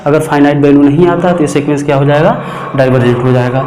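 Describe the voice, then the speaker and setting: Math teacher guy lecturing, keeps asking and answering his own questions, slightly high mellow voice, echoey room. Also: noisy background. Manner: rhetorical questions answered himself, dictating formulas slowly. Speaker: mathematics teacher. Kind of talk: classroom lecture explaining problems.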